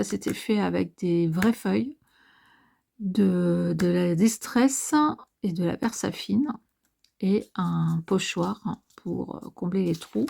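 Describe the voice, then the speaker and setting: A woman talks through a crafting project at her desk at an unhurried pace, hesitating often. Her voice is mellow and warm, with a gravelly edge of vocal fry. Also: mid-range voice. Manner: hesitant, many filler sounds, slow and musing. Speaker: crafting vlogger. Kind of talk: casual step-by-step crafting narration.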